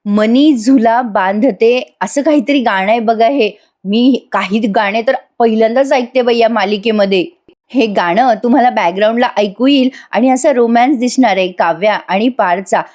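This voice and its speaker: A woman's voice: fairly high pitch, a little mellow. A woman giving a chatty voice-over review of a TV serial episode, talking straight to her viewers. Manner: chatty, addresses viewers, laughs often.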